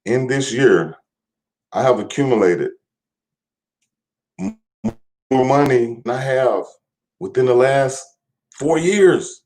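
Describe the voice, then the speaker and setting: A man's voice: medium pitch, animated, takes it slowly, long pauses, darkish tone. A young man casually chatting on a livestream, greeting viewers by name and rambling with loose, repetitive talk and the odd curse. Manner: loose, rambling, swears, repeats himself with "man". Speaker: livestream host.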